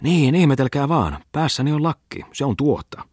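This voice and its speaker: A man's voice: mid-range voice, lively intonation, a little mellow, breathy edge, dry recording, clean studio sound, pitched above the performer's own voice. A man voicing a gleeful, mocking male schoolmaster who lectures a crowd in a raised, sneering tone, read from a storybook. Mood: preachy. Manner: sneering, preachy speechmaking.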